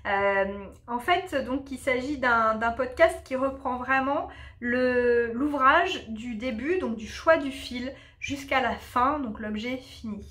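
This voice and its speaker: A woman with a fairly high, slightly bright voice speaks slowly. She hosts a knitting podcast and also teaches English, and here she chats casually, full of fillers and restarts.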